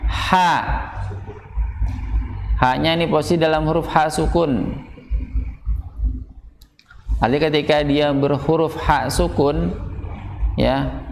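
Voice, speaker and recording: Man, recitation teacher, slow patient drilling, slightly high voice, echoey hall reverb. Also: steady tone, vocal fry, a little hiss or hum. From Indonesia. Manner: patient, drills syllables slowly and has students repeat. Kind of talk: tajwid lesson with call-and-repeat drills. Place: small prayer room, evening class. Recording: echoey room with long reverb.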